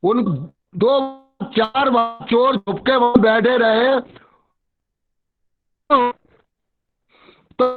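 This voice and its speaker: An older man slowly telling a devotional memory over an online call that breaks up and echoes, his phone held away from his mouth. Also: extremely high pitch, steady tone. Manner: halting, slow, trailing off. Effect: breaking up, cutting out on a poor online call. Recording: dull, choppy, echoey call audio with faint music.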